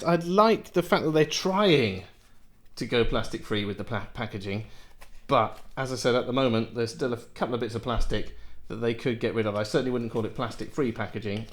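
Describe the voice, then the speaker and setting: A man's voice: mid-range voice, fairly quick. A man in his thirties from Wales, reviewing headphones in a rambling, chatty way in a home office. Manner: rambling, chatty, self-interrupting with laughs. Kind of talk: casual product review. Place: home office with window and plants.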